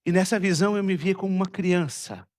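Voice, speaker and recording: A man from Brazil, a pastor, preaching a sermon and telling a personal story, moving between loud passages and hushed ones. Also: sits high, brisk.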